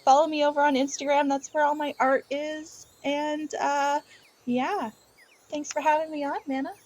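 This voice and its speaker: A woman guesting on a stream as an artist, chatting in a relaxed, giggly way. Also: high voice, moderate pace, rough recording. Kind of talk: casual stream chat.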